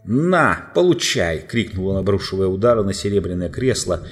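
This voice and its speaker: Low-voiced male audiobook narrator. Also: steady tone, darkish tone, faint music behind. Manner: measured storytelling. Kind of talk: scripted narration.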